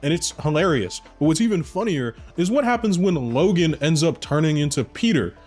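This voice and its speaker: A man's voice: fairly high pitch, animated, fairly quick, darkish tone. Chatty man reviewing a cartoon. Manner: chatty, with offhand asides. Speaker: video reviewer. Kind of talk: casual commentary. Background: faint background music.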